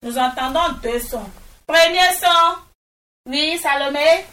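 Slow, bright-voiced teacher in an echoey classroom. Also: female voice, sits high, distant mic. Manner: patient, repeats each answer back and praises. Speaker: primary school teacher. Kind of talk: slow, deliberate classroom instruction. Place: classroom with pupils. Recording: echoey room, voice off-mic.

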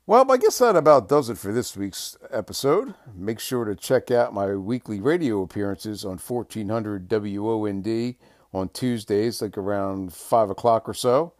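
An older man hosting a casual sports podcast, talking in a relaxed, rambling way with lots of "uh" fillers. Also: on the low side, dry recording, clean studio sound. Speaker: podcast host.

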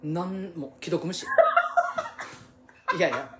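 A woman with a Kansai accent chatting casually and telling anecdotes in an animated way as a co-host. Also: on the low side, slow pace, heavy background noise. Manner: animated storytelling. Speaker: talk show co-host. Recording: echoey room.

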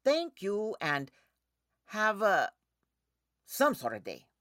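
A woman's voice: mid-range voice, wildly swooping pitch, slow pace, fairly bright tone, no room sound, studio quality, exaggerated voice. An actress playing a stubborn woman who refuses to open her door, curt and defiant. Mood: firm.

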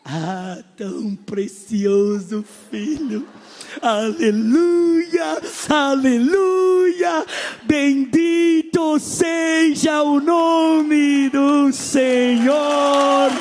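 A man imitating a fervent male preacher with a Brazilian accent who stretches out each word and bursts into booming exclamations. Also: extremely slow, heavily acted. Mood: drawn-out fervent. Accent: Brazilian Portuguese. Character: slow, drawn-out, fervent male preacher welcoming the flock. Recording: long reverb in a large hall.

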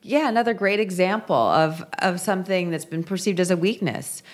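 Low-voiced woman, earnest and reflective. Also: animated, brisk. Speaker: author and guest. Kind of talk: conversational interview.

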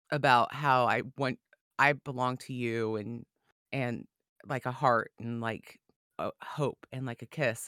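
A man's voice: medium pitch, pushed and bright, no echo, studio quality. A man co-hosting a casual book chat who laughs easily and talks earnestly about the moving parts. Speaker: podcast co-host.

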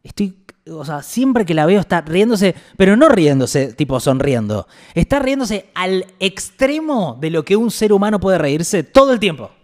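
A man's voice: high voice, sing-song, normal speed, hardly any pauses. Blunt Argentine man ranting about politics. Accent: Argentine Rioplatense Spanish. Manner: blunt, exasperated, swears freely. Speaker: political podcast co-host. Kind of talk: casual political chat.

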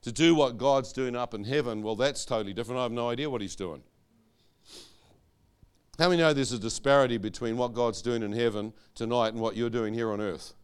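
A man's voice: medium pitch, fairly quick, clean tone. A man preaching a sermon testimony, telling his story and quizzing the audience with questions.

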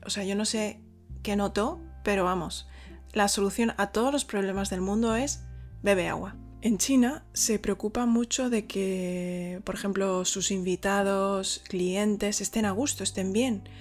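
A woman's voice: fairly even intonation, measured pace, soft background music. A woman in her thirties from Spain, with a Spain Spanish accent, chatting casually as host of her own vlog. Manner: chatty, acts out quoted people in a high voice. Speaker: vlogger host. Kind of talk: casual chat to camera.

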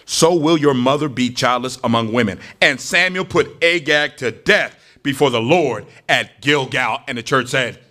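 A male pastor preaching a sermon, telling stories with animated acted-out voices. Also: medium pitch, normal speed, hardly any pauses.

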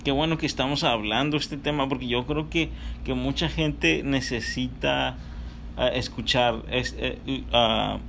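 Man, hesitant and affirming, gravelly edge, slight noise in the background. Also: mid-range voice, a little slow, a bit bright. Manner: hesitant, many restarts, affirming. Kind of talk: casual chat.

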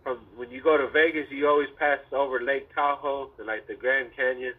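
A man's voice: mid-range voice, fairly even intonation, a little fast, slightly rough. Tinny-sounding frat bro guy chatting. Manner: frat bro slang, heavy swearing. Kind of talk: casual chat. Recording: tinny, narrow phone-like sound.

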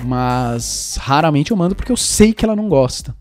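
A man's voice: on the high side, big pitch swings, normal speed. A man hosts a casual advice monologue in a slightly raised voice. He talks emphatically, fires off rhetorical questions and tosses in playful sound effects, with faint music underneath.

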